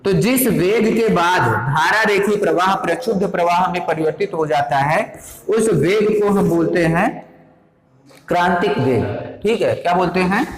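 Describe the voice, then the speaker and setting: High-voiced male teacher in an echoey room. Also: lively intonation, moderate pace. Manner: explains step by step, keeps checking "ठीक है". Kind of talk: classroom physics lesson. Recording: echoey room with long reverb.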